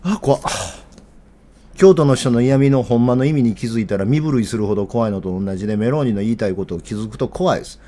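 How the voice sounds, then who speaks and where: A middle-aged man with a Kansai accent giving blunt, heated political commentary in a casual, rough-spoken way. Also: mid-range voice, quick pace, dark tone.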